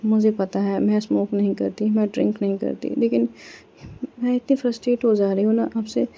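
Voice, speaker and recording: This is a contrite young woman, voiced by a woman storyteller, who stumbles over her words as she pleads. The tone is dark and mellow and stays fairly flat. The slightly dull recording takes the shine off it. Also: mid-range voice, gravelly. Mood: remorseful. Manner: emotional, pleading, halting repeats.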